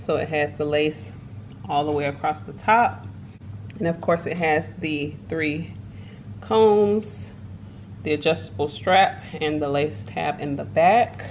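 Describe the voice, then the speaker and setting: A young woman with a low voice talks slowly and chattily to her viewers, gushing over a new wig. She is recorded on a camera mic in her home kitchen, with faint room noise behind her. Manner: enthusiastic, chatty, addresses viewers directly. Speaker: vlogger. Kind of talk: casual product review vlog.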